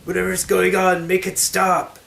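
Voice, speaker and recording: A panicky, sanctimonious ex-priest from a fantasy audiobook, played by a man. He speaks with hammy stage theatrics at a raised pitch, over background music. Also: monotone, unhurried, vocal fry, a bit bright, roomy sound, slight background noise, heavily acted. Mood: panicked. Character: anxious, sanctimonious male former priest, panicky passenger. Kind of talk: dramatic audiobook reading of a fantasy novel. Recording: music behind the voice.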